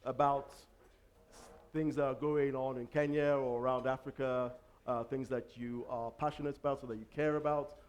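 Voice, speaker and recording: A man from Lagos moderating an event informally, halting and rephrasing as he goes. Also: mid-range voice, fairly even intonation. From Lagos, Nigeria. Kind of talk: informal onstage hosting.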